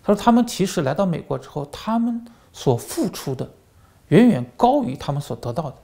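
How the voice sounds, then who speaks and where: A man's high-sitting, dark-toned voice with vocal fry swings widely in pitch as he speaks fairly quickly. A former journalist hosting a commentary channel, he delivers a political monologue, telling stories animatedly with many fillers and repeated words.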